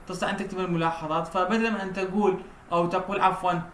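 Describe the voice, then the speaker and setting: A man's voice: high voice, fairly even intonation, fairly bright tone, slight background noise. Man lecturing in an echoey room. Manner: reads English headings slowly, explains quickly in Arabic. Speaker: university lecturer. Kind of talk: recorded lecture.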